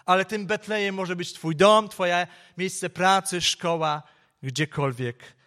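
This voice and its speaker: A high-voiced man delivering a Christmas sermon that turns into a told story. He narrates expressively, slowing and speeding up as the tale unfolds. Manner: expressive storytelling, shifting pace. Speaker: preacher.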